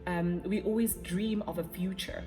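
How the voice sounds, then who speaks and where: A young woman from South Africa, a ballet dancer giving thoughtful, measured interview answers with the odd filler. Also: fairly low pitch, steady tone, dark tone. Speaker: ballet dancer and competition juror. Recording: long hall reverb with faint music. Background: faint music.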